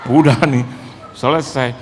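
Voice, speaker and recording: A man's voice: medium pitch, fairly even intonation, unhurried, darkish tone. A middle-aged male pastor, telling a sermon story with self-mocking humor. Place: large church hall. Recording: reverberant church hall, faint noise.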